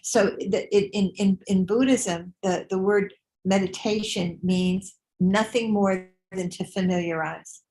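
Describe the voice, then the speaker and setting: A woman's voice: mid-range voice, steady tone, a little slow, warm tone, slight background noise, poor audio. An older woman from the United States giving a chatty, informal Buddhist teaching in a meditation room, often repeating words as she thinks. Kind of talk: informal dharma talk to a group.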